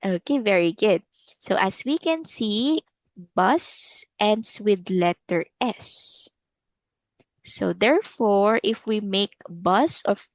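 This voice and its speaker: A woman tutoring English one-on-one, drawing out each model word slowly and praising often. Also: mid-range voice, no echo. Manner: slow, drawn-out model words. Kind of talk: online one-on-one English lesson.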